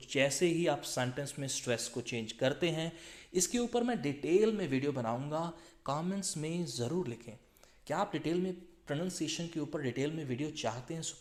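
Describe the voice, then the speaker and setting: A man with an Indian English accent teaching an English-test lesson, switching between Hindi and English and stressing example words slowly and deliberately. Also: a little high, reverberant. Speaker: IELTS teacher. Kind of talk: video lesson.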